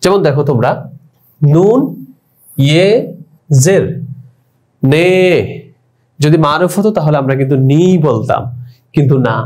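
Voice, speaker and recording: A man teaching an online language lesson, patiently spelling out letters and repeating each example slowly. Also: a little high, darkish tone. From Bangladesh.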